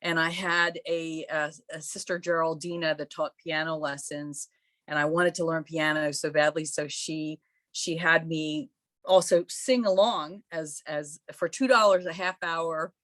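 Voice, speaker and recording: A Croatian-born woman, a musician appearing as a guest on a podcast, tells stories in a warm, friendly, chatty way, laughing as she goes. Her voice is deep and steady, her pace unhurried, and there's no echo. It's a casual interview.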